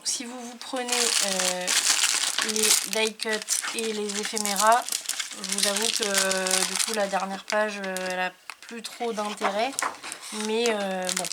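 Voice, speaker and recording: A woman's voice: medium pitch, very noisy. A woman who chats casually and hesitantly as she shows off craft papers she received, with lots of fillers. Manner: chatty, hesitant with many fillers. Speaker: scrapbooking YouTuber. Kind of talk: casual product haul talk.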